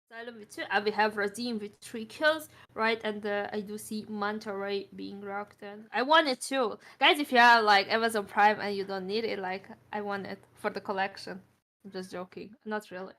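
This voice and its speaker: A woman's voice: mid-range voice, a bit bright. A woman giving color commentary on an esports match, recovering from illness and talking in a chatty way full of fillers. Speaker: esports co-caster.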